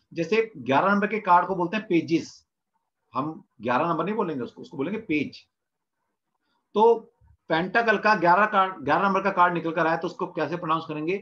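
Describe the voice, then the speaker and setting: A man's voice: on the high side, bright, forceful tone, lo-fi sound. A man teaching tarot in an online class, asking his students questions and answering them himself while repeating the terms. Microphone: video call mic.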